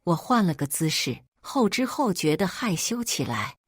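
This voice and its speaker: Woman narrator, low voice with animated lilt, dry close recording, playful story reading. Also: moderate pace, no echo. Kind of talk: first-person story narration.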